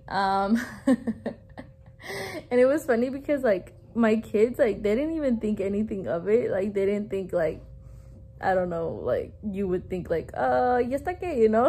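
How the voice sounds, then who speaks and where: A woman's voice: fairly high pitch, warm tone, husky. A young woman vlogging on her phone, chatting casually, switching between English and Spanish, laughing often and filling her talk with "like". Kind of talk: casual vlog talk to camera. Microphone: phone held at arm's length.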